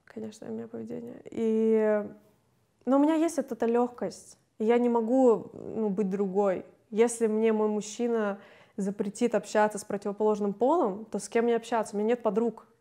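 A chatty young woman talks candidly in a relaxed interview, now and then breaking into a laugh. Her voice sits a little high for a woman. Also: moderate pace, vocal fry. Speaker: singer, interview guest. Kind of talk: casual interview chat.

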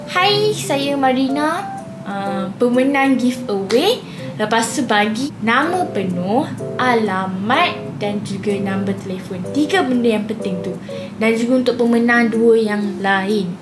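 Young woman, Malaysian accent, higher-pitched, casual chatty vlogger addressing viewers over clear background music. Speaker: video blogger. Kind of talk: casual chat to camera, unboxing and giveaway. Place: small indoor room at home.

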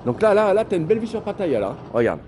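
A man's voice: high-pitched, big pitch swings, fast, a little mellow, slight background noise. A young man vlogging casually as he walks through an apartment building, talking straight to the viewer with many fillers and restarts. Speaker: travel vlogger. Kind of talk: casual vlog tour.

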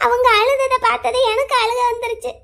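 A woman doing a soft-hearted, tearful young woman. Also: extremely high pitch, fairly even intonation, fast talker. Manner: earnest, pleading, tearful. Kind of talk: cartoon voice acting.

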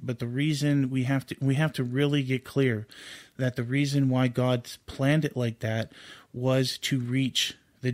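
A man's voice: medium pitch, dry recording. A man giving an informal home Bible study, earnest and unscripted, with fillers and restarts as he explains scripture.

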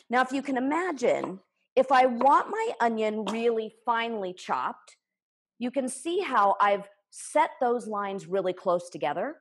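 A woman in her forties gives a live kitchen cooking demo at home, explaining each stage enthusiastically while chopping. She has a medium-pitched, slightly breathy voice, and a camera a few feet away records her.

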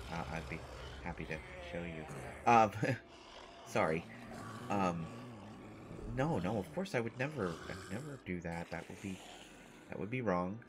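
The scripted monologue features a man playing a bashful, nervous survivor who keeps stammering, starting over, and rambling in self-deprecating fashion. His voice sits low, and there is background noise.

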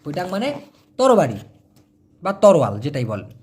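A man's voice: a little high, huge pitch swings, a little mellow, breathy edge. A man, teaching a casual vocabulary lesson, spelling out letters and repeating each word. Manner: explains slowly, spells out letters, repeats words. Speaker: language teacher.

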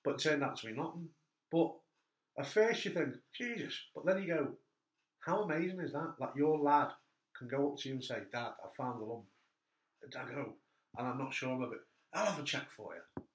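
Middle-aged guy hosting a chat, gets loud and animated telling stories, echoey room. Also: mid-range voice, a little fast. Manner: animated storyteller, voice jumps up when telling funny bits. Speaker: host. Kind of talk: casual interview chat.

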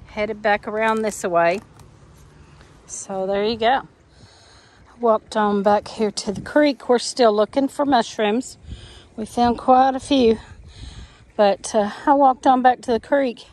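Slow and pausing often, her voice is a little high and darkish with fairly even intonation. A middle-aged homestead vlogger, she films with a handheld camera while walking the woods behind her farmhouse, talking folksily with many fillers and laughing easily.

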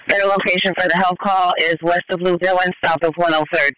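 Brisk, bright dispatcher, terse radio updates. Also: mid-range voice, little pitch movement, clear, resonant tone, no room sound, low-quality recording. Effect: police radio transmission. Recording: police scanner radio audio.

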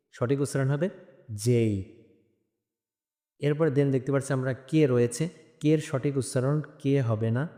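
A man from Bangladesh teaching a lesson, hesitant, with frequent "ah" fillers, repeating sounds slowly. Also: medium pitch, mellow. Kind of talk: spoken lesson. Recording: long echoing reverb.

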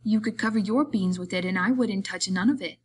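A woman's voice: medium pitch, fairly quick, husky, natural voice. Woman doing a childlike, pleading big man. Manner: plaintive, pleading, rural speech. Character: simple-minded, childlike big grown man, pleading and gentle.

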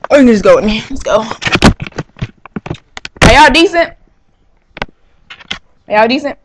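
A woman's voice: a little high, expressive, unhurried, background noise. A young woman chatting casually and playfully teasing on a home video, filmed at home on a handheld camera. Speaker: vlogger. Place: her home, indoors.

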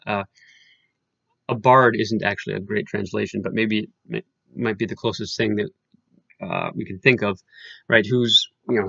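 A man lectures on an old poem in a rough, gravelly, husky voice. He explains step by step and keeps checking in with "right?". The recording is dry and a bit dull. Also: medium pitch, dry recording. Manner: explanatory, frequent "right?" tags. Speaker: literature teacher. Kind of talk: lecture with read-aloud verse.

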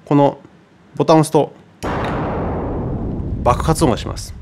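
A man teaching guitar in a relaxed tutorial, chatty and thinking aloud with many fillers. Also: a little high, normal speed, heavy background noise. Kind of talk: casual tutorial explanation.

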